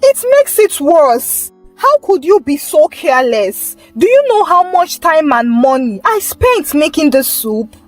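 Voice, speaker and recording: A woman's voice: fairly high pitch, very animated, normal speed, a little mellow, no echo, soft background music. A woman voicing an angry scolding husband. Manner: scolding, raised voice. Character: angry tired husband, adult man.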